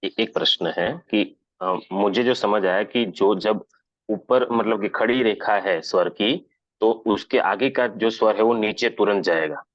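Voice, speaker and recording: A lower-voiced man joins the online class to ask his teacher whether he has understood the rule. His audio sounds dull and muffled, with no room sound at all. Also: a little slow, no echo. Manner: polite, checks his understanding. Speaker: student.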